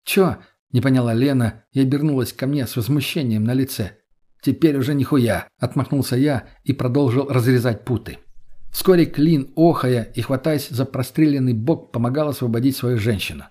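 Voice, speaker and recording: A man narrating a story in the first person, steady and matter-of-fact. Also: medium pitch, fairly quick. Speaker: audiobook narrator.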